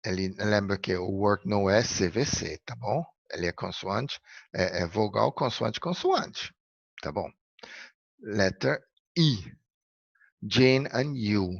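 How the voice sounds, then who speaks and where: Slow, gravelly Brazilian teacher. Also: male voice, lowish voice, animated, dry recording, muffled recording. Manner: patient, step-by-step explaining, frequent "ok?" checks. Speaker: English teacher. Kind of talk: recorded classroom lesson.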